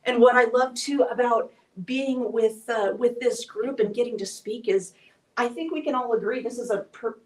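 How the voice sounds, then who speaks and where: A woman's voice: fairly high pitch, normal speed, darkish tone. Woman giving an emotional personal talk, sounds far off from the mic, echoey room. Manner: candid, emotional, with restarts. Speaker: event speaker. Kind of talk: personal story talk to a live audience. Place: event hall.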